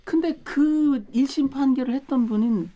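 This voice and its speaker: A woman's voice: high-pitched, moderate pace, dark tone. A woman speaking as a guest lawyer on a talk show, explaining emphatically and firing off rhetorical questions.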